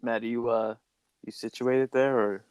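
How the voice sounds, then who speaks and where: A man's voice: medium pitch, steady tone, normal speed, a little mellow, clear, resonant tone, dry recording. A man hosting a podcast in casual chat, exclaiming and thinking aloud with restarts. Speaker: podcast host.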